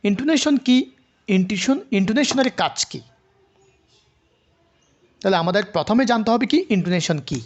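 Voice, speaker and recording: Lively teacher on a video call. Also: medium pitch. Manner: reads English definitions slowly, then explains in Bengali; asks the class questions and answers them. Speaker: English teacher. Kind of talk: online class lecture.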